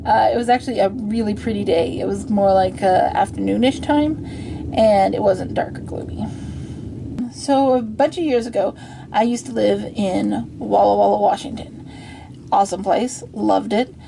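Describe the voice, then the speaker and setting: A woman with a mellow, mid-range voice and some vocal fry hosts a channel's casual story time. She rambles along, giggling at herself in a self-deprecating way.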